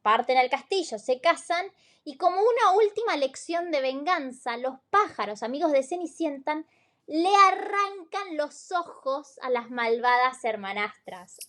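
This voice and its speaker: A woman's voice: sits high, expressive, unhurried, a bit bright. A woman co-hosting a podcast, retelling stories in a conversational way with many fillers and tag questions. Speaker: podcast co-host. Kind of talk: casual podcast chat.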